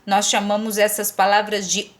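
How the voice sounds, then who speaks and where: A woman's voice: mid-range voice, completely flat delivery, normal speed. A woman with a Brazilian Portuguese accent teaches a recorded lesson. She talks patiently and keeps checking with "tá?" whether the pupil follows. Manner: patient, repeats "tá?" to check understanding.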